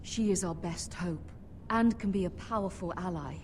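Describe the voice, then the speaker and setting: A woman's voice: lowish voice, moderate pace, slight background noise, lightly acted. A woman playing a troubled noble mother voicing her letter in a fantasy game, formal and pleading.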